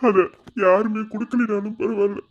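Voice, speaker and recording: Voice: mid-range voice, little pitch movement, moderate pace, lightly acted. A performer voicing a remorseful young village husband in a cartoon, pleading and self-blaming, with a Madurai Tamil accent. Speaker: cartoon character. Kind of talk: emotional cartoon drama dialogue. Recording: dull lo-fi sound.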